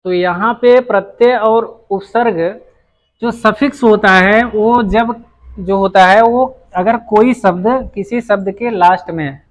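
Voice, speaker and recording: In this rough recording, a high-voiced man teaches English grammar at a board. He explains patiently, repeats himself, and often restarts a phrase while writing, as in a whiteboard lesson.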